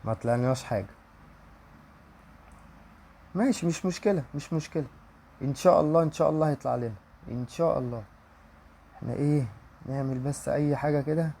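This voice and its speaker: Young Egyptian gamer, slightly high-pitched, hopeful and pleading while opening packs. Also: male voice, brisk, creaky, pauses often, a little hiss or hum. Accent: Egyptian Arabic. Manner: pleading and excited, repeating wishes aloud. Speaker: gaming YouTuber. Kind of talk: pack-opening commentary.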